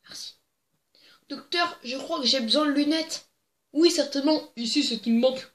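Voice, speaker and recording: There's background noise as a young woman, speaking briskly in a high voice, reads jokes to camera for her video. She keeps it casual and giggly with rambling, crude asides, recorded through a plugged-in desk microphone in an echoey space.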